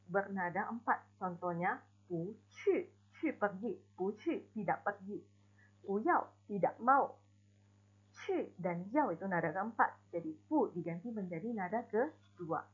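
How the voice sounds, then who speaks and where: Husky-voiced woman teaching Mandarin. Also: medium pitch, animated. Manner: slow, deliberate explanations with spoken examples. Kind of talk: recorded online class lesson. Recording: dull lo-fi recording.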